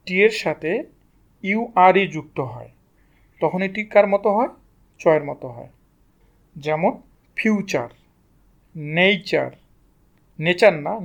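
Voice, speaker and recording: A man's voice: high-pitched, highs cut off. A man teaching English pronunciation to students, asking questions and answering them himself. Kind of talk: explaining lesson to students.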